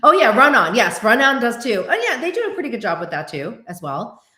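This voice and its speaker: A woman in her forties from the United States, whose first language is Korean, hosts a casual livestream chat and responds to viewers animatedly. Her voice is a little high and brisk, with reverberant sound.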